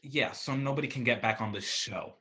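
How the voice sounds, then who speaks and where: A man speaking casually in a hesitant, low-key way. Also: brisk, pushed and bright. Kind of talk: casual chat.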